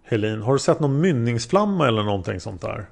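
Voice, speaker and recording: A man's voice: mid-range voice, very animated, creaky. A man voicing a male prosecutor who questions a witness step by step, in a methodical way. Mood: probing.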